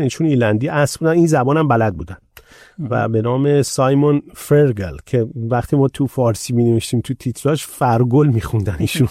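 Male podcast host, warm-toned, casual conversational delivery. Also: medium pitch, no echo, studio quality. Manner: conversational, tells anecdotes, reads out listener questions. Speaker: podcast host reading listener comments.

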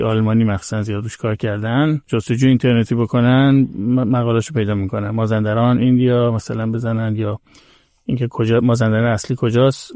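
Speaking in a dark, mid-range voice, a man appears as a podcast guest expert on the old Persian epic, recorded clean in a studio with no room sound. His answers are careful and explanatory, measured in delivery, and cautious about what he claims.

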